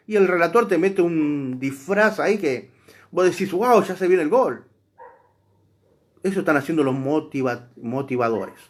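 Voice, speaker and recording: Man, Bible teacher, church class, emphatic, fairly high voice. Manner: emphatic, conversational, speaks directly to the listener.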